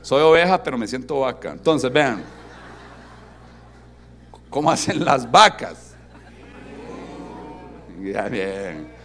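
A man preaching a sermon as pastor, animated and interactive, asking his congregation questions and dropping to soft, emphatic tones. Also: medium pitch, unhurried, pauses often, slight background noise. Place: church service with congregation.

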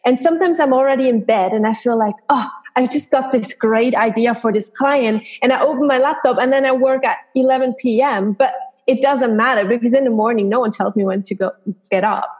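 A woman's voice: on the high side, quick pace, darkish tone. A woman speaking as an interview guest, explaining her freelance work in a casual, conversational way. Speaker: interview guest, freelance social media marketer.

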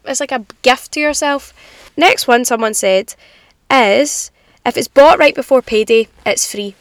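A young woman talks in a fairly high voice, close and dry. She hosts a casual, confiding solo podcast full of animated slang and self-deprecating humour. She sits in a parked car with rain on the roof. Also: no echo. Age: young adult. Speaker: podcast host.

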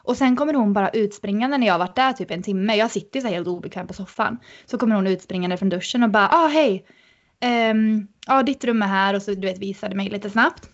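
A woman guest on a podcast, telling a story in an animated, casual way with many fillers. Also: medium pitch, few pauses, highs cut off.

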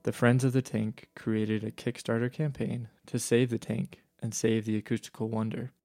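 A man hosting a travel show, reading scripted narration in a measured, storytelling way. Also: medium pitch, level tone, a little mellow, no echo, clean studio sound.

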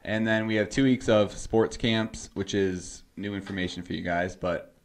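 Man, young adult, very low voice, casual podcast chat, hesitant. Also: fairly even intonation, moderate pace. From Canada. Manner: hesitant, many fillers and restarts. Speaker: podcast co-host.

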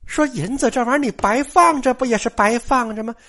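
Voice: medium pitch, brisk, voice pushed up. A storyteller putting on a sly, sweet-talking noblewoman. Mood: coaxing. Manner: sweet-talking, coaxing, then sharp and scolding. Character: sly, smooth-talking noblewoman steward of a great house. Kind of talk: storyteller acting a character.

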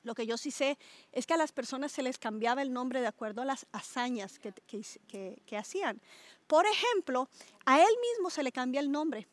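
A middle-aged woman pastor delivers a conversational sermon with a high, bright-pitched voice. The sound is dry and close. She stretches words for emphasis and turns to her listeners with questions. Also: expressive, moderate pace, no room sound. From Colombia. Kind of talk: conversational sermon to a small group.

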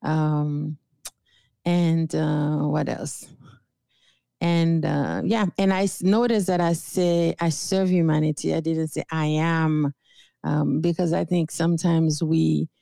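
Low, slow-spoken Haitian-born woman. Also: level tone, gravelly, mellow, no echo. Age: middle-aged. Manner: thoughtful, with frequent fillers and restarts. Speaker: guest therapist. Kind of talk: interview conversation.

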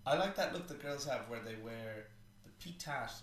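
A man's voice: medium pitch, expressive, moderate pace, a bit bright, slight background noise. A man chatting casually as a co-host on a podcast. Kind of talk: casual banter. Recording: echoey room.

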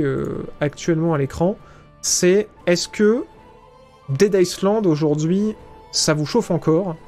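A young man with a French accent talks loosely on a live stream, full of hesitations and fillers as he reads the chat. His voice sits a little high and sounds mellow and soft. Faint music plays behind him. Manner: casual, hesitant with many fillers.

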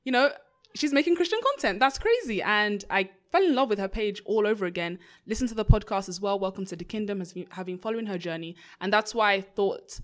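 A woman's voice: mid-range voice, fast talker. Upbeat young woman podcast host. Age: young adult. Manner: upbeat, warm faith talk with frequent praise. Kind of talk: casual podcast conversation.

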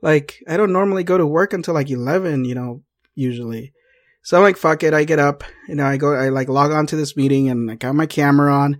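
A man's voice: a little high, quick pace. A man telling a story in casual chat, swearing and laughing often, switching between English and Spanish. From Mexico.

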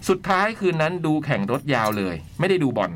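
Playful Thai radio host reading a letter. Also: male voice, on the high side, sing-song, fast talker, a bit bright, slight background noise. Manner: playful, chatty, reads letters aloud with asides. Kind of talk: casual studio chat and reading listener letters.

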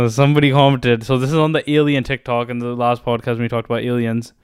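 A man's voice: medium pitch, level tone, fast, darkish tone, clean tone, no echo, studio quality. A young man with a western Canadian accent, co-hosting a podcast in a casual, slangy, sweary style as he chats and reads out comments. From Surrey, British Columbia, Canada. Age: young adult. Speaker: podcast co-host. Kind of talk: casual chat, reading out comments.

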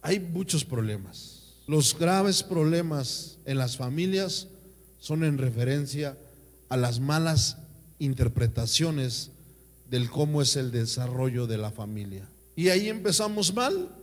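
A man's voice: medium pitch, animated, unhurried. A man, a pastor delivering an emphatic sermon with call-and-response. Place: church. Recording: reverberant church hall.

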